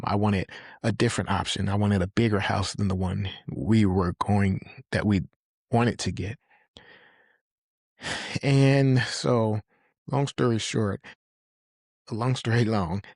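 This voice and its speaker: A man's voice: fairly low pitch, darkish tone, no echo, studio quality. A middle-aged man, telling a long personal story in a casual, rambling way, often correcting himself. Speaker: host.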